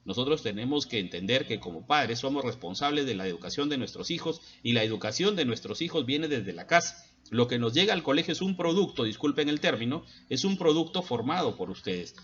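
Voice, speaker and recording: A man's voice: medium pitch, expressive, fairly quick, fairly bright tone, highs cut off. Middle-aged man lecturing parents. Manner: earnest and lecturing, with frequent hesitant fillers. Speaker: school psychologist. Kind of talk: advice talk to parents. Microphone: laptop.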